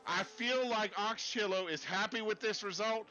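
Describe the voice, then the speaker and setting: A man commentating a sim race in a put-on Texas accent, folksy and excitable. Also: sits high, normal speed, highs cut off.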